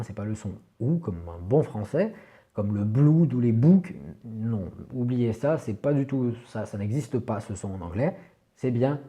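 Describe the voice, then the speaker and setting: A man whose first language is French, patiently teaching English pronunciation in a video lesson and repeating each word slowly. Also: medium pitch, mellow.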